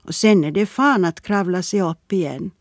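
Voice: medium pitch, expressive, no echo, studio quality, lightly acted. A reader voicing a weary, resigned male pub regular speaking in a reflective way, in a storybook reading.

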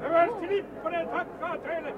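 An actor playing a boisterous, bragging adventurer turned rebel colonel who bellows military commands, in a vintage radio drama. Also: male voice, mid-range voice, very animated. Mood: bellowing commands. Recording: noisy old radio play, crowd behind.

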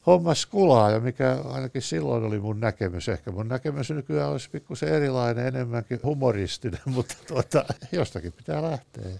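A man's voice: medium pitch, animated, creaky, hardly any pauses, dark tone. A man, a guest author on a talk show, discussing ideas in a thoughtful, anecdotal way with frequent hesitations.

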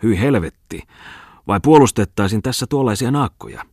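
A man voicing an enthusiastic learned man who exclaims loudly. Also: lowish voice, animated, breathy edge, no echo, studio quality, pitched above the performer's own voice. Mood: exclaiming.

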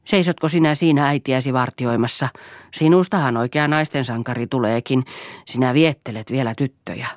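A woman reading an audiobook, voicing a bitter, spiteful husband with a loud, snarling, bullying manner. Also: a bass voice, no echo, studio quality. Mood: menacing.

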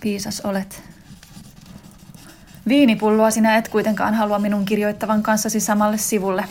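A woman with a medium-pitched, everyday-sounding voice, faintly touched by hiss or hum, performs a radio drama monologue as a wistful wife reading a letter to her husband. She starts intimate and reflective, then grows more heightened and excited.

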